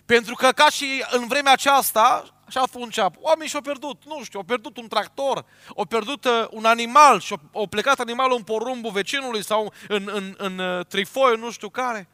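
A man preaching a sermon in a church, emphatic, swinging between loud and quiet and often checking in with his listeners. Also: extremely high pitch, few pauses, no echo.

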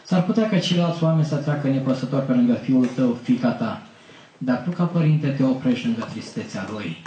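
A man preaching an Easter sermon as pastor, building to emphatic high peaks and slowing on key phrases. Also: lively intonation, mellow, echoey room, slight background noise, poor audio.

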